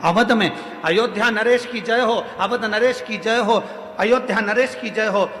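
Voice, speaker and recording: A man's voice: high-pitched, measured pace, a bit bright, a little hiss or hum, voice pushed up. A man voicing a grieving woman messenger who hails and pleads with a king, heard in an echoey hall. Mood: pleading.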